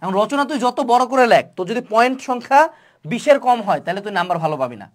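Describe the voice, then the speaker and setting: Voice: mid-range voice, expressive, racing. A young online tutor giving a playful webinar lecture. The tutor asks many rhetorical questions and mixes English words into the talk.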